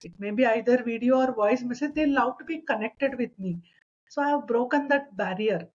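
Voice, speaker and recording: A woman's voice: a little high, normal speed, darkish tone, muffled recording. A middle-aged woman with a South Indian accent, speaking conversationally as a coach being interviewed. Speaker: coach for mothers, interview guest.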